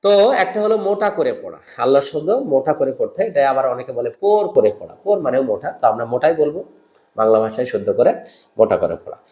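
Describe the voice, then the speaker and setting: A man teaching Quran reading, drilling rules in call-and-response and drawing out recited words slowly. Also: mid-range voice, big pitch swings, warm tone, reverberant, dull audio. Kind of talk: step-by-step lesson with slow drawn-out recitation drills.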